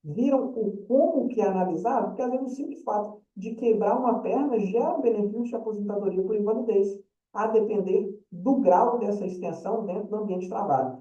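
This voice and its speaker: A little fast, high-pitched and dark in tone, the voice of this Brazilian lawyer carries a chatty informal lecture for his short course, with frequent check-ins with the audience. The distant microphone leaves the sound roomy and dull.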